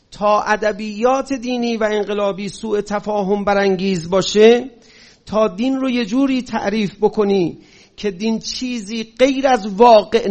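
Man with a high voice lecturing hard, gets loud and fired up on big points. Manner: rises to forceful shouting on key points. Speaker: speaker. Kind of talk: impassioned religious-political lecture.

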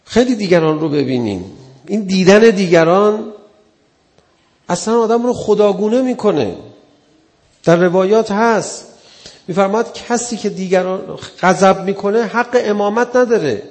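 A man's voice: high voice, a little mellow, big-room sound. A man giving an earnest religious sermon in a conversational way, acting out the people he quotes. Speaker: preacher.

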